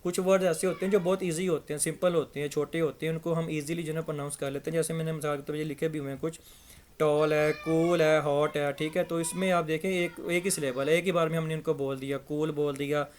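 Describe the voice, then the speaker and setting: A young man gives a relaxed grammar lesson. His voice sits on the higher side for a man. He talks in a loose, conversational way and drags out example words so learners can hear each syllable. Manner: conversational, repeats words slowly for pronunciation. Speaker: English teacher.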